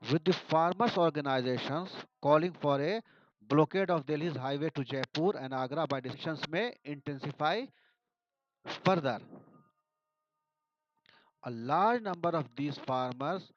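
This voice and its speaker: A man's voice: fairly high pitch, measured pace, long pauses. Indian English man explaining newspaper editorials. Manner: reads passages aloud then explains word meanings. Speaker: teacher. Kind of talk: editorial analysis lesson. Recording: dull, dry sound.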